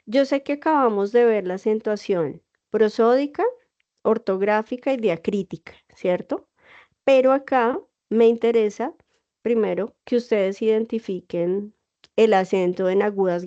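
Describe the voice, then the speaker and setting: Woman, teacher, mellow warm voice, patient explaining, dull lo-fi call audio. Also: medium pitch. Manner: explains patiently, checks with "¿cierto?". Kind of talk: online class lecture. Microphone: computer mic on a video call.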